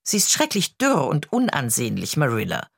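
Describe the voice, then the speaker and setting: A woman's voice: low-pitched, huge pitch swings, normal speed, gravelly, husky, no echo, clean studio sound, heavily acted. A woman reading an audiobook, voicing a blunt, opinionated old neighbor woman with scorn. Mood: scornful.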